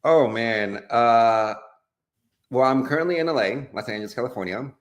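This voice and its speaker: A young adult man from the Dominican Republic, a life and business coach, talking earnestly and upbeat with fillers and soft laughs in an interview. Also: medium pitch, normal speed, highs cut off. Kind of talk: casual interview conversation.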